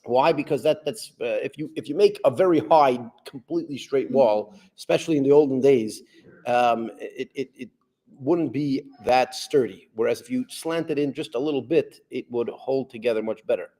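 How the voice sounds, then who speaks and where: A man's voice: medium pitch, normal speed, mellow. Man, rabbi teaching Talmud; loose, repetitive lecture delivery. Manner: repetitive, rambling, asks rhetorical questions. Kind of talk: explanatory lecture.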